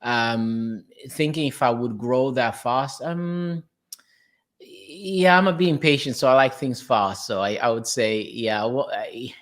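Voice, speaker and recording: A young man from Portugal with a Portuguese accent, talking as an interview guest in a fast, self-correcting way with frequent restarts. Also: medium pitch, steady tone, a bit bright. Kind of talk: casual interview.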